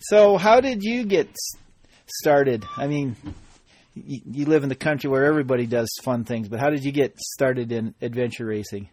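A man hosting a podcast, chatty and relaxed in a casual interview. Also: mid-range voice, normal speed, dry recording. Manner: relaxed, chatty, laughs often. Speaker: podcast host.

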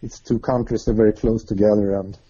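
A man's voice: lowish voice, level tone, fast, mellow, husky. A man with a Swedish accent, a guest in a remote interview, talking hesitantly with many filler sounds. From Sweden. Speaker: guest, adventure racer. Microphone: video or internet call. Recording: muffled lo-fi call audio.

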